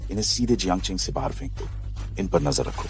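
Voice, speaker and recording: An actor playing a cold, commanding rich husband in a dubbed drama, giving calm, curt orders. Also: male voice, fairly low pitch, fast talker, gravelly.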